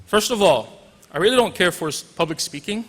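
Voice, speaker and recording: The speaker is a man in his forties from Hawaii, a teacher giving a relaxed graduation address full of joking asides and snatches of Pidgin in his Hawaiian accent. He sounds high, animated, fairly quick and a bit bright. It was recorded in a large, reverberant hall.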